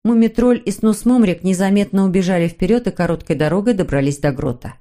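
A woman reading a children's storybook aloud as narrator, in an expressive, even manner. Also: on the low side, quick pace.

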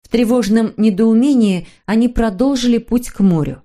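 A woman reading a children's storybook aloud as narrator, in an expressive, even manner. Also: a little high, moderate pace.

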